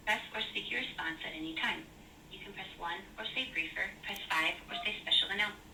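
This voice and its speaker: Female recorded phone message voice; crisp, polite menu prompts, heard from a distance. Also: medium pitch, sharp tone. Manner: polite, measured, clearly enunciated. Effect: recorded phone message played over a speakerphone. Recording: echoey, from far off, faint hiss.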